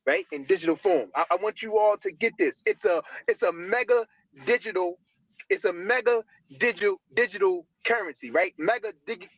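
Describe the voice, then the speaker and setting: A man's voice: high voice, moderate pace, a bit bright, dry recording. A man talking casually on a live stream, rambling, stumbling over words and tagging "right?" onto his points. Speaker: guest speaker. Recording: dull lo-fi audio.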